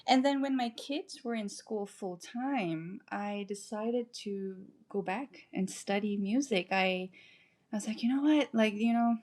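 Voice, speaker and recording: A woman in her forties who grew up in Malaysia chats as a guest composer in a relaxed interview. She talks at an easy, middling pitch, laughs often and restarts her sentences as she goes. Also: unhurried. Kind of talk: casual interview.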